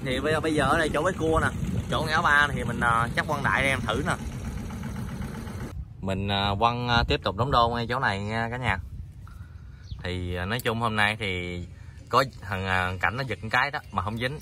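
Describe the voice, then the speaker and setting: A fishing vlogger with a southern Vietnamese Mekong Delta accent narrates casually from a wooden boat on a river, with outdoor river noise around him. His voice is medium-pitched at normal speed, chatty and easygoing with excited bursts.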